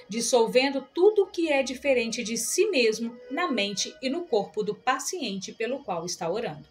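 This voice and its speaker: A woman reading an audiobook aloud in a calm, measured narration. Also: fairly high pitch.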